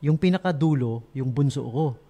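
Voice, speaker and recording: A man's voice: medium pitch, moderate pace, mellow. A man from the Philippines hosting a late-night radio show, telling a comic story as a playful storyteller who often breaks into chuckles. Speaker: radio DJ host. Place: radio studio.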